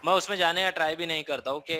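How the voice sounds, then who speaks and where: A man's voice: on the high side, steady tone, racing, pushed and bright, a little hiss or hum, rough recording. A man with an Indian accent teaching a live trading class, explaining casually and often checking in with listeners.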